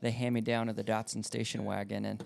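A man who is a pastor, telling stories in a casual podcast chat with lively delivery. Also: lowish voice, fast talker, vocal fry, a little hiss or hum. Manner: lively storyteller, acts out voices in anecdotes.

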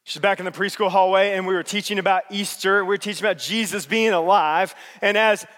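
Male pastor, high voice, sermon delivery with big dynamic swings, long reverb of a large church hall. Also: fairly even intonation, brisk. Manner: swings between loud emphatic peaks and soft low passages.

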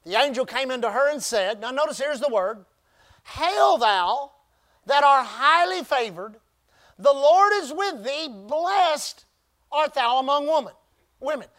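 An animated pastor, his voice extremely high and a bit bright, preaches by emphatically stretching out key phrases. He invites the congregation to answer by repeating words in call-and-response fashion.

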